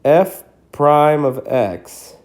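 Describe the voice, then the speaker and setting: A man teaching calculus in a casual screencast lesson, thinking out loud and checking in with his students, coughing now and then. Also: on the high side, animated, extremely slow. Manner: casual, thinks aloud with frequent "right?". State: coughing repeatedly. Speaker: math teacher. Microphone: screencast recording mic.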